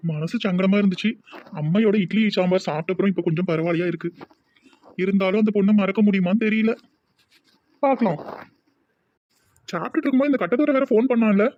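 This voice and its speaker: Cartoon casting: a man playing a dreamy young village guy with a Tirunelveli accent, high and quick, lo-fi sound. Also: close to an everyday voice. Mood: lovestruck. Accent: Tirunelveli Tamil. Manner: dreamy, talks to himself.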